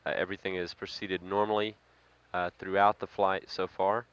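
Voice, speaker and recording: A man with a low voice gives live spaceflight commentary as a mission control announcer. His delivery is measured, halting and factual, on a slightly dull, lo-fi feed. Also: little pitch movement, fairly bright tone, clear, resonant tone.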